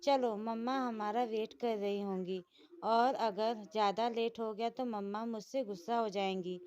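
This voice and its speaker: Storybook figure, childlike anxious young man read by a woman, fussy and doting, high-ish voice. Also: steady tone, unhurried, a little mellow, lightly acted. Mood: eager. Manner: fussy, pleading, repeats himself.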